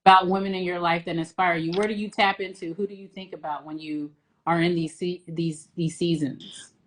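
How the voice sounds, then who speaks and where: Encouraging woman host, lowish voice. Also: steady tone, fairly quick, poor audio. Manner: warm, encouraging, affirming the guest. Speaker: interview host. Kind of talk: casual interview conversation.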